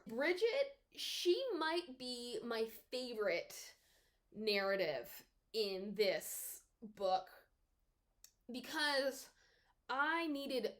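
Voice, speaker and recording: A woman from the American South giving a casual, chatty spoken book review with expressive pitch jumps.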